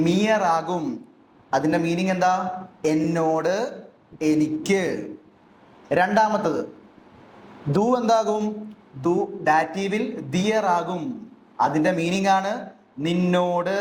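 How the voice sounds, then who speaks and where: A man teaching German grammar, explaining step by step and asking questions he then answers himself. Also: sits high. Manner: asks questions and answers them himself, slowly and deliberately. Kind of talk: explanatory lesson. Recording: echoey room with faint background noise.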